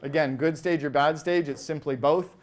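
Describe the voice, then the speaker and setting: A man giving an energetic business keynote on stage, firing quick questions at the audience and rattling off lists. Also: a little high. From Canada. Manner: animated, asks the audience quick questions, acts out quoted voices. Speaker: keynote speaker. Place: event stage before a live audience.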